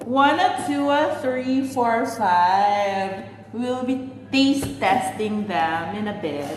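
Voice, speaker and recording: A woman's voice: on the high side, animated, slow. A woman vlogging casually while eating, joking and switching between English and Filipino. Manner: giggly, jokey, mixes English and Filipino. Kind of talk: playful mukbang vlog chat. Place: office meeting room. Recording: echoey room with background noise.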